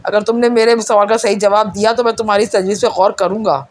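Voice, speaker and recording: A woman's voice: mid-range voice, fairly even intonation, lightly acted. A woman voicing a stern, ruthless male secret agent giving harsh, clipped orders.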